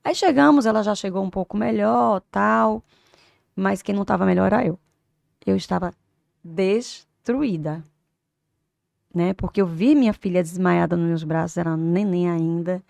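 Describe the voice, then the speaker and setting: A woman in her fifties, a teacher and doctor, tells an emotional personal story as an interview guest, swinging between hushed and loud. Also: mid-range voice, measured pace, creaky, no echo, clean studio sound. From Brazil. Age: 50s.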